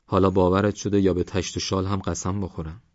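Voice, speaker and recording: Guy reading a chill young guy calming someone down, deep voice, dry dull sound. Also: dry recording, natural voice. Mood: reassuring. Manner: calm and reassuring. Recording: dry, slightly dull recording.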